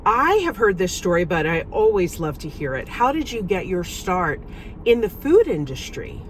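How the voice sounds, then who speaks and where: A woman's voice: lowish voice, big pitch swings, normal speed, low-quality recording. Female host, casual conversational interviewing, recorded in a car with faint background noise. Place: inside a parked car.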